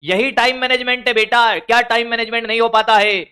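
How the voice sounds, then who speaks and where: A man's voice: very high-pitched, fairly even intonation, fast, sharp tone, smooth. A male teacher giving blunt, scolding study advice to exam students, calling them brother and son. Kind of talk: motivational study advice lecture.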